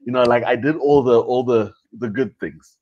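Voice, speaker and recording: A young man co-hosting a podcast talks things over at normal speed in a mid-range voice, casual and thoughtful, often restarting phrases and dropping slang. The recording sounds dull and lo-fi.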